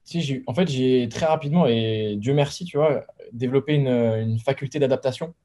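A young man from the Paris region talks through a webcam from his bedroom. His voice is mellow and dark, and he speaks in a relaxed, rambling way. He often pauses to restart his sentences. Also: medium pitch. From Paris region, France. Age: 20s. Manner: relaxed and chatty, many fillers and restarts. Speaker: guest entrepreneur. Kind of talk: casual interview on a video call. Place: bedroom with framed pictures, indoors. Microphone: video call webcam.

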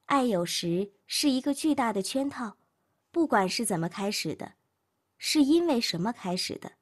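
A woman doing an earnest young woman consoling her friend. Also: on the high side. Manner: gentle, persuasive.

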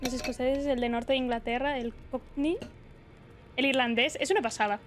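Young basque woman streaming, high voice, chats and rambles, faint music behind. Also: steady tone, normal speed. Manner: chatty, reads chat aloud, rambling. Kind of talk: casual chat while gaming.

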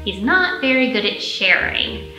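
In a sing-song, somewhat high voice with a sharp tone, a woman in her thirties reads to young children a little slowly. She's a librarian speaking to them directly and expressively, pre-recording an online storytime in an indoor library room with roomy echo and soft background music.

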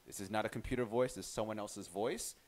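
Low-voiced man in a casual tutorial. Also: fast. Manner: chatty, relaxed, with frequent restarts. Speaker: tutorial host. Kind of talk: casual screen-recorded software tutorial.

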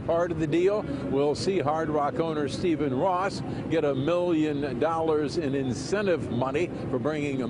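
An older man delivering a live TV news report outdoors at night, with punchy, pun-laden phrasing. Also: on the high side. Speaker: field reporter. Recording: city street noise behind.

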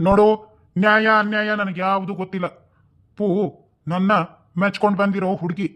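A man's voice: sits high, level tone, fairly quick, a bit bright. [name]: a man voicing a curt young husband. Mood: stern. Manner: curt, dismissive. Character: young husband, brusque and dismissive. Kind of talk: cartoon dubbing.

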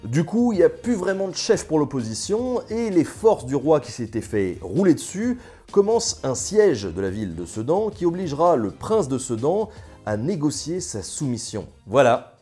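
A young man tells history with jokey, ironic asides and a very animated, bouncing pitch. His voice sits low and mellow, with soft music under it. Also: normal speed. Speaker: history video host. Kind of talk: casual scripted history narration.

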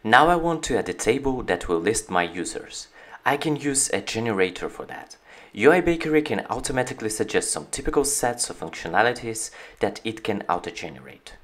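A man, the founder of a company, narrates a screen-recorded software tutorial as a voice-over while presenting his product. His voice sits on the low side and he moves briskly, keeping a steady, explanatory walkthrough tone.

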